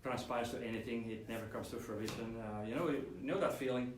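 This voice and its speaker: A man's voice: mid-range voice, fairly quick. A man hosting a casual weekly live stream, talking in a loose, rambling way with lots of fillers and restarts. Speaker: host of a weekly model-kit live stream. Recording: roomy echo, speaker away from the mic, faint room hum.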